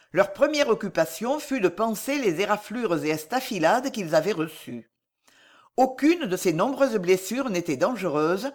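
A woman narrating an audiobook with a lively, widely moving voice. Her reading of the historical novel is dramatic and expressive. Her pitch sits in a middle range for a woman.

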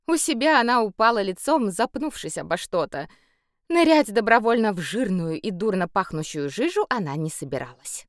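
A woman reading a children's story aloud with playful, expressive narration. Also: mid-range voice, moderate pace, no room sound, clean studio sound. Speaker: audiobook reader.

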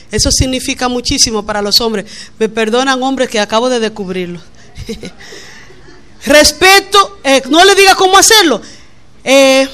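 A middle-aged woman preaches to her congregation in a high, bright, forceful voice. She is lively and playful, acting out everyday quotes in between her points. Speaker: pastor. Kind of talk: sermon. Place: church.

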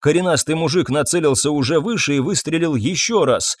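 A man narrating an audiobook in a measured storytelling manner. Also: fairly high pitch, no room sound, clean studio sound. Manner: measured storytelling, voices figures himself. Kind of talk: scripted narration.

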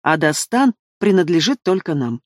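A man's voice: a little high, sing-song, moderate pace, no echo, clean studio sound. A man reading an audiobook, voicing a spiteful, scornful queen who hisses her threats. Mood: scheming. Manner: hissing, scornful. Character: spiteful hissing queen, cruel stepmother.

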